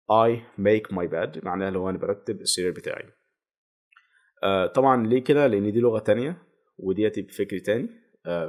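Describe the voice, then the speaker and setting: Egyptian man teaching English slowly. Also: lowish voice. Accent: Egyptian Arabic. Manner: repeats English phrases slowly, then explains in Arabic. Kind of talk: bilingual language lesson.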